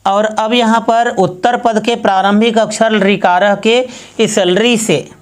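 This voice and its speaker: A woman teaching Sanskrit grammar, walking through each step methodically and repeating herself as she works an example. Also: medium pitch.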